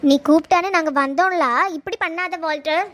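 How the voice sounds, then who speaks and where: A woman's voice: very high-pitched, fairly quick, a bit bright, no echo. A young woman acting in a comedy sketch, talking in a soothing, coaxing way. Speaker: sketch actor.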